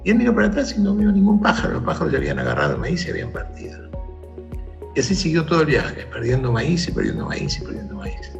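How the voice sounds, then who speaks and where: A man's voice: mid-range voice, fast talker, gravelly, lo-fi sound, soft background music. A man as an interview guest, telling a story in conversation and acting out the calls of its characters. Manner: animated, acts out shouted calls in the story.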